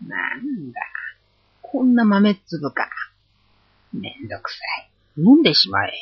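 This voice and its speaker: A storyteller voicing big, brutish storybook ogres with a gruff, scornful manner, in a dull lo-fi recording. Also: medium pitch, very animated, a little slow, voice pushed up, heavily acted. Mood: mocking.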